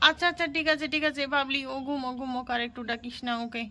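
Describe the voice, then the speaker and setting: A woman voicing a busy, practical mother giving quick instructions in doll play. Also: high voice, bright, forceful tone, slight background noise. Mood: brisk. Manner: brisk, instructing tone.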